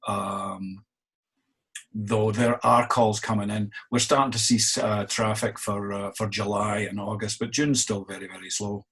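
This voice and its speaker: A man's voice: lowish voice, little pitch movement, a little slow, fairly bright tone, slightly rough. A middle-aged man with a Scottish accent, an innkeeper answering interview questions in a wry, self-deprecating way. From Scotland.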